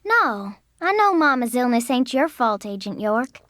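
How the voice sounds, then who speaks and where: A woman's voice: a little high, big pitch swings, unhurried, a bit bright, slight background noise. An actress playing a troubled, guarded young country woman in a video game, with a Southern US accent. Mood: sad, guarded.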